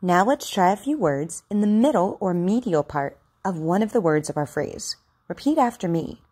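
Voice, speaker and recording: Female instructor for a speech lesson, animated intonation with a slightly husky tone, addressing learners directly. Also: on the low side, moderate pace.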